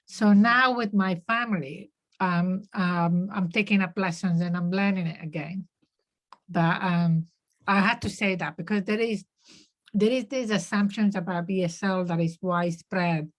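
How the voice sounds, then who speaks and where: A woman in her forties talks on a video call panel, hesitant and full of fillers as she restarts her sentences. Her voice sits a little low for a woman. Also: steady tone, measured pace. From Italy. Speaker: panel guest. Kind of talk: online panel discussion.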